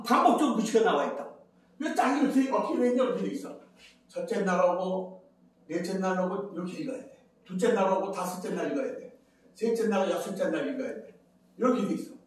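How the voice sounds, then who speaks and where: A man's voice: sits high, lively intonation, a little fast, long pauses. An older man giving a rambling Bible lecture as a preacher, chatty, counting and repeating phrases. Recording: very echoey, from far off the mic.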